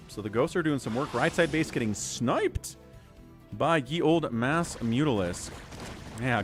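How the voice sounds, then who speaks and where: Animated man casting a game. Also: a little high. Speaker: livestream game commentator. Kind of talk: casual esports commentary.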